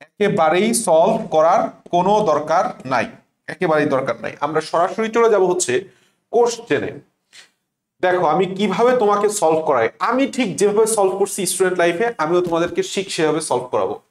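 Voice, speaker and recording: Young male tutor, high voice, quizzes himself as he drills points, roomy echo. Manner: drilling, asks and answers own questions. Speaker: admission test tutor. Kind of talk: online lesson.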